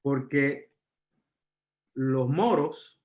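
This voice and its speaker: A man from Puerto Rico with a Puerto Rican accent, giving a live university lecture, pausing on fillers and asking the audience questions. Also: mid-range voice, darkish tone. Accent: Puerto Rican Spanish. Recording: roomy, dull lecture recording.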